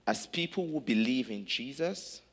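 A man from Nigeria preaching a sermon in English in short phrases, pausing so an interpreter can translate. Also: mid-range voice, expressive, husky. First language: not German.

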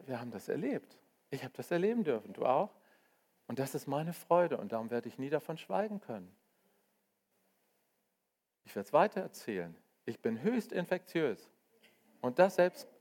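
Fervent older male preacher, lively delivery. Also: fairly high pitch. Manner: dynamic, swings between loud exclamations and soft intimate asides; folksy, addresses listeners with "ne?" and "du auch?". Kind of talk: charismatic sermon.

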